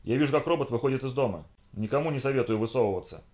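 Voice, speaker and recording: A man voicing an excited male reporter who exclaims loudly. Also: medium pitch, very fast, close to an everyday voice. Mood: alert.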